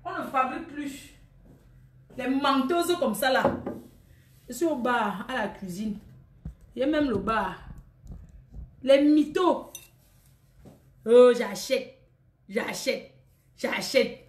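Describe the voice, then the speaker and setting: A woman's voice: high voice, slow, long pauses, echoey room. A woman selling clothes on a live stream, chatting with her viewers in a scolding, teasing, laughing way.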